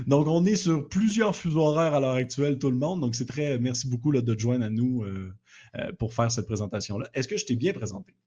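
A man's voice: medium pitch, fairly quick, dark tone, breathy edge. A man hosting a webinar interview, speaking with many fillers and restarts over a video call. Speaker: webinar host and company president. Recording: slightly dull lo-fi audio.

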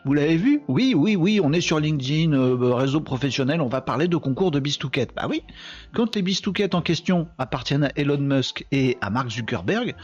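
A man hosting a live stream, chatting with viewers in a husky voice whose pitch swings a lot. The sound is dull and lo-fi, with faint music underneath. He comes across as a little worn out. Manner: chatty, animated, addresses viewers as friends. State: tired from insomnia. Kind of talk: casual live stream chat.

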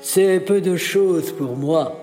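A man playing a vain, boastful magician in an audio storybook, speaking slowly and proudly. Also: sits high, reverberant, long reverb tail, faint music behind. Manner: slow, proud, condescending. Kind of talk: storybook character acting.

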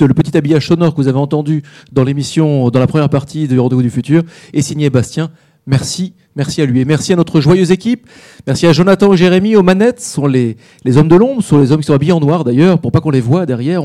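Guy hosting a talk show, kinda high voice but mellow, gushing and flowery. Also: fast talker. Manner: effusive, flowery compliments. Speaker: host. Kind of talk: live web talk show introduction. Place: studio with live audience.

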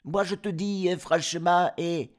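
A man's voice: high-pitched, fairly even intonation, a little slow, pitched above the performer's own voice. A man doing cocky, mouthy goat kids. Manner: mocking, cocky, slangy backtalk. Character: cheeky streetwise goat kids.

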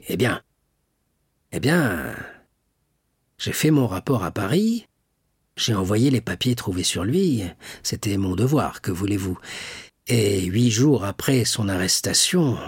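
Man reading as a cold, calculating prosecutor, husky storybook voice, dry close sound. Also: on the low side, expressive, takes it slowly, long pauses, dry recording, exaggerated voice. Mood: smooth. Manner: smooth, guarded, calculating. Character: scheming cold young royal prosecutor. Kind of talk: audiobook character reading.

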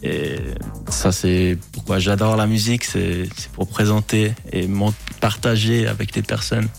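A calm man giving a casual interview in halting French, slipping in words. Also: on the low side, gravelly, soft background music. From Switzerland or Britain. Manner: hesitant, halting French with English words mixed in. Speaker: pop singer, interview guest.

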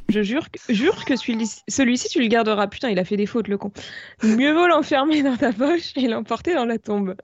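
A woman's voice: on the high side, fairly quick, lo-fi sound. A woman, chatting casually on a podcast, blunt and sarcastic. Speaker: podcast co-host. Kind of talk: casual chat among friends.

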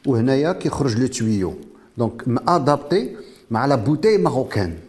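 A man's voice: medium pitch, sing-song, fast talker, darkish tone. A man with a Moroccan Arabic accent explaining and demonstrating a product in an interview, mixing French technical terms into his speech. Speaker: inventor presenting a product.

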